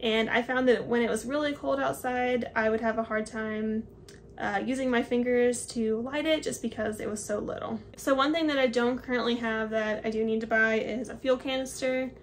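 In her twenties, this hiking vlogger casually presents her gear to the camera in a small home office, holding up each item and chatting about it. She speaks on the high side with fairly even intonation at a moderate pace, and a little hiss or hum is audible.

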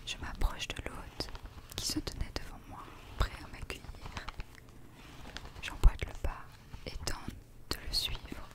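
A young woman reads a story in a hushed library whisper for ASMR, slow and deliberate, close to the microphone. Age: young adult. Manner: slow, deliberate delivery with pauses. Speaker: ASMR creator. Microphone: close desk microphone, headphones on.

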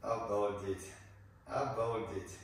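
A man's voice: fairly low pitch, steady tone, takes it slowly, recorded from a distance. A man chatting casually to viewers as he films and presents, effusive and often repeating his words. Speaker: animal park host presenting pets and trainer. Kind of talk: casual chat to viewers while filming. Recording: echoey room with background noise.

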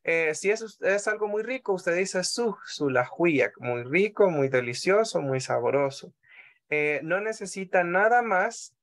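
This is a Salvadoran man giving an online language lesson on a video call. His voice sits a little on the high side. He is patient, says each word more than once, and keeps checking that his students follow. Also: lively intonation, fairly bright tone. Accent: Salvadoran Spanish. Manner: patient, repeats words slowly, often asks "¿verdad?". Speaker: Nahuat language teacher.

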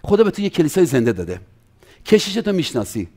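A male pastor delivering an animated sermon, often acting out quotes in other voices. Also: a little high. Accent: Persian. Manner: animated preaching with acted-out quotes.

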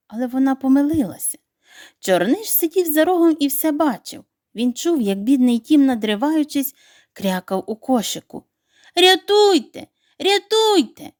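A woman narrating a children's bedtime story in an expressive, animated reading voice. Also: high-pitched, dry recording, studio quality.

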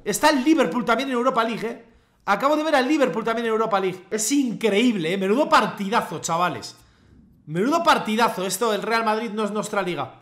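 A man from commentating his own football video game match, cheering loudly at goals and repeating his phrases. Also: extremely high pitch. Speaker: gaming youtuber. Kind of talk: excited live gameplay commentary.

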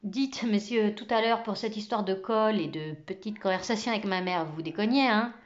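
A woman voicing a bold, brilliant schoolboy who talks in a bright, cheeky, eager way. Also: medium pitch, moderate pace, lo-fi sound, lightly acted.

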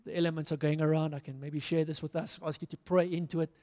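On the stage of a large church hall, a middle-aged South African pastor preaches fast in a mellow, level-toned voice on the high side. His sermon, spoken into a handheld mic, is earnest and rousing with emphatic repetition, and long reverb follows each phrase.

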